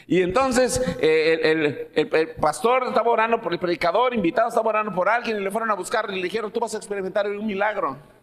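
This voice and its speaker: A man preaching a sermon as pastor, earnest, slowing down on key phrases and often restarting sentences. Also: sits high, a bit bright. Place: church hall. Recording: long church-hall reverb.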